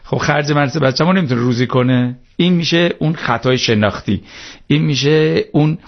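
A man's voice: fairly high pitch, lo-fi sound. A male talk-show guest who argues religious points in a preachy way, with hesitant fillers. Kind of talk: studio talk-show discussion.

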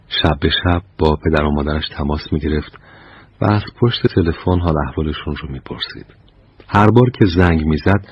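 Very deep-voiced man narrating slowly. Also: lo-fi sound, slight background noise. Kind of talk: scripted narration of short anecdotes.

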